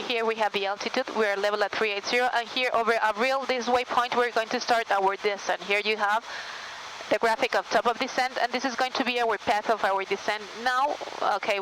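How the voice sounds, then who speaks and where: A woman's voice: on the high side, fairly bright tone, low-quality recording. A woman airline pilot, giving procedural briefings and explanations in the cockpit during flight. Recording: faint aircraft cockpit hum.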